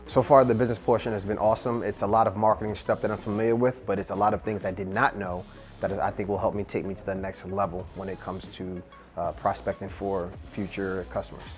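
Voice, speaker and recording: Quick low-voiced guy from new york, businesslike testimonial, faint music. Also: flat delivery. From Staten Island, New York. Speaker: seminar student. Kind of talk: testimonial interview.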